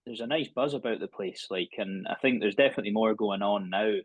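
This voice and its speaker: A man from the Scottish Highlands with the local Highland accent talks in a slightly low voice. He is an easygoing interview guest, chatting informally with plenty of "aye" and "like". The sound is dry and close. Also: a little fast, husky, no echo. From Inverness, Scotland. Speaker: guest musician. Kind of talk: casual interview chat. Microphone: earbuds on a remote call.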